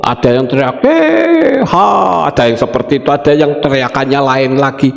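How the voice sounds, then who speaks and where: A man's voice: medium pitch, flat delivery, fast talker. A man preaching a sermon as pastor, addressing the congregation directly. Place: church hall. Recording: echoey church hall with long reverb.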